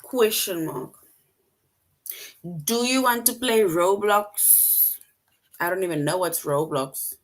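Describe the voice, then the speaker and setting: A woman's voice: mid-range voice, slow, pauses often. A woman teaching an online English lesson to young children, patient and repetitive, often checking in with "right?".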